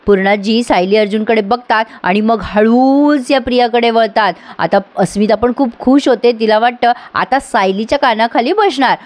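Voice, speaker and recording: A woman recapping a TV serial episode in casual, lively storytelling, talking straight to her viewers. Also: a little high, normal speed, hardly any pauses. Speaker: TV serial reviewer.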